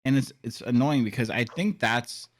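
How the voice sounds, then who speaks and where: A man co-hosting a casual podcast, animated, laughing often and restarting his sentences. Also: mid-range voice, normal speed. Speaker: podcast co-host. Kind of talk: casual chat.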